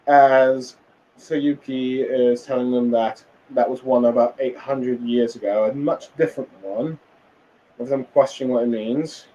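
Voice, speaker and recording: A man's voice: medium pitch, steady tone, unhurried, dark tone, muffled recording, slight background noise. A tired man casually recapping a comic chapter, rambling with many fillers and restarts. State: tired, yawning. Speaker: manga reviewer.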